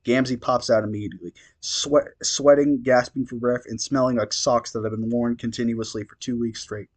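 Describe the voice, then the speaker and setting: Here a man's mid-range voice, fairly even in intonation and moderate in pace, carries a steady reading of fan fiction. He sometimes stumbles over the words and adds dry, wry remarks along the way.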